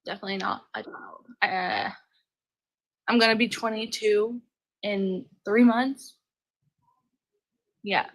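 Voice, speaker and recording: A woman's voice: medium pitch, steady tone, slow pace, creaky, long pauses. A young woman in her early twenties from Colorado, a hesitant, nervous caller in a casual chat. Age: 20s.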